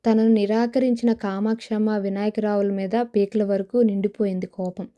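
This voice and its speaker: A woman narrating an audio novel in a steady, even storytelling manner. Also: mid-range voice, moderate pace, dull audio.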